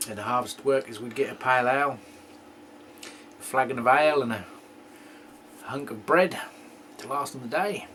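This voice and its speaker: A man hosting a homebrew video, chatting casually as he tastes a beer, rambling and joking and often clearing his throat. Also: medium pitch, moderate pace, long pauses, pushed and bright, slight background noise. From England. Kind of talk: casual homebrew tasting chat.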